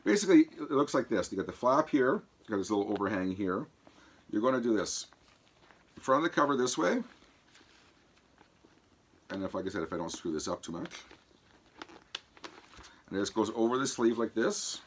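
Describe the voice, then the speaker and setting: In a casual vlog, a low-voiced male host demonstrates a product to the camera for his viewers. An infection has left his throat sore, so his husky, animated voice fades in and out, and he speaks haltingly, pausing as he shows and explains things.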